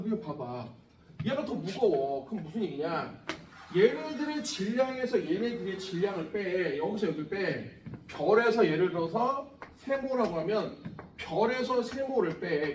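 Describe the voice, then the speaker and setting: A man with a voice that sits high lectures science at a cram school; he's blunt and profane, and he jokes while firing questions at the class. It's recorded from a distance in an echoey room with slight background noise.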